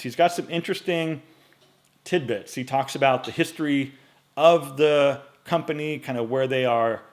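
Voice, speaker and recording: In a casual vlog recorded at home on a microphone in front of him, a men's style YouTuber in his late forties responds to viewer questions. His mid-range voice comes across relaxed and talkative, with frequent fillers.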